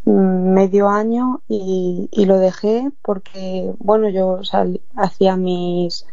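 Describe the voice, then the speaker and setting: A woman's voice: medium pitch, fairly even intonation, takes it slowly, creaky, warm tone, no echo. A young woman from Madrid, a singer-songwriter, answering interview questions in a thoughtful, hesitant way with a Madrid Spanish accent. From Madrid, Spain. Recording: dull lo-fi dry sound.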